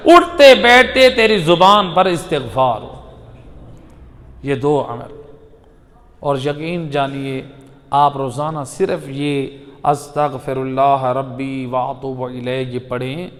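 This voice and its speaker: A man preaching a majlis sermon, swinging from loud exhortation to soft chanted recitation. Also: a little high. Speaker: Shia preacher. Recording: long hall reverb.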